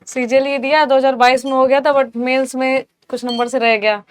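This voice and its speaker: A young woman answering interview questions, recounting her story in a steady, matter-of-fact way. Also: sits high, brisk, a little hiss or hum. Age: young adult. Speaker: guest, successful exam candidate.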